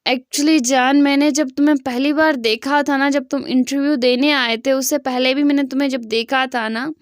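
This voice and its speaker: A woman's voice: sits high, fairly even intonation, normal speed, no room sound, studio quality, close to an everyday voice. A woman voicing a nervous young male boss who earnestly confesses his love in a storytelling video. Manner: hesitant, earnest.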